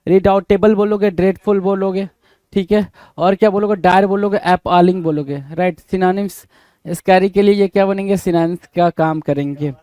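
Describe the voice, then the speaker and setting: A man's voice: sits high, fairly even intonation, moderate pace, dark tone, clean tone, dry recording. A man with an Indian accent teaching English vocabulary for exams, mixing Hindi and English and often asking the class questions. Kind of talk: exam-prep vocabulary lesson.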